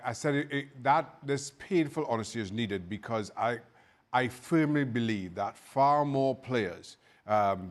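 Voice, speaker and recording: Male former player on the panel, mid-pitched, firm and emphatic. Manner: emphatic, stressing his firm convictions. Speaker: former footballer turned pundit. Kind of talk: studio panel discussion.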